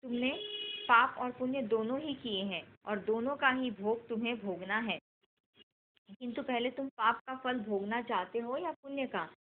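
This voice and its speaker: A woman's voice: on the high side, a little slow, slight background noise, lightly acted. A woman reading the part of a stern male god of death, who questions a soul in formal words, in a devotional scripture reading over a tinny phone-like line.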